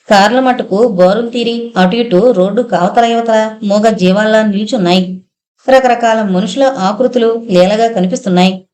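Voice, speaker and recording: A woman's voice: mid-range voice, darkish tone. A woman narrating a novel as an audiobook reader, shifting slightly for dialogue. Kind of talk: novel read aloud, voicing characters.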